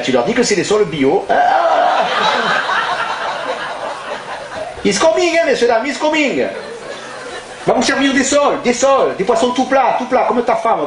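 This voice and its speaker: A man playing a crude, loud restaurant owner from Toulon with a southern French accent, swinging between fake charm and insults in a live stand-up sketch. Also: extremely high pitch, slight background noise. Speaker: stand-up comedian. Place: theatre stage before an audience. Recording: echoey live hall.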